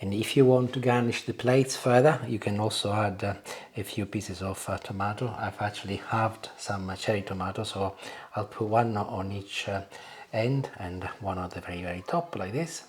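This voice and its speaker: A man's voice: fairly low pitch, fairly even intonation, normal speed. A man chatting casually as he demonstrates cooking, savouring the food. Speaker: cooking show host. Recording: clear background noise, kitchen clatter.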